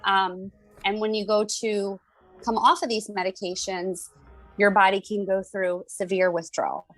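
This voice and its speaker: A woman's voice: mid-range voice, no room sound, rough recording. A woman in her thirties, a mother, giving an earnest and emotional personal testimony as a guest on a group call.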